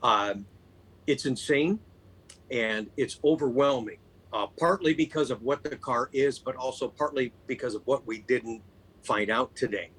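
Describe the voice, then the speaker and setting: Husky-voiced man talking car deals. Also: medium pitch, a little slow, a bit bright, rough recording. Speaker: car dealer guest. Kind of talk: casual interview talk.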